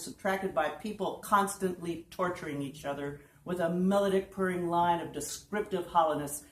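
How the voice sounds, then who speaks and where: Woman reading prose aloud in an echoey room. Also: fairly low pitch. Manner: measured, deliberate reading with pauses on lists. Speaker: poetry reader. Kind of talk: live prose reading at an art walk. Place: art lofts gallery, indoors. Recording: roomy room reverb, faint background hum.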